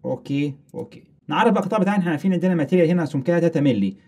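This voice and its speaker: A young man with an Egyptian Arabic accent gives a screen-recorded software lesson. He talks very quickly in a slightly raised voice. He walks through each step and drops English technical terms into his Arabic. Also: on the high side, animated, husky. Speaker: software tutorial instructor.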